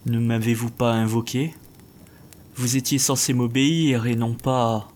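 A man's voice: mid-range voice, fairly even intonation, unhurried, a little mellow, a little hiss or hum, lightly acted. A man reading aloud, voicing a frightened young woman who answers a spirit in a dull, defiant tone.

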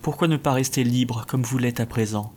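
A man's voice: mid-range voice, moderate pace, darkish tone, a little hiss or hum, natural voice. A man reading aloud, voicing a frightened young woman who answers a spirit in a dull, defiant tone.

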